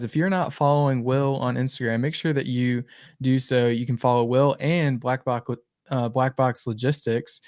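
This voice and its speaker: A young man hosting a casual podcast, talking in a relaxed way with lots of fillers. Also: medium pitch, dry recording, clean studio sound. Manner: relaxed, filler-heavy, friendly. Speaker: podcast host.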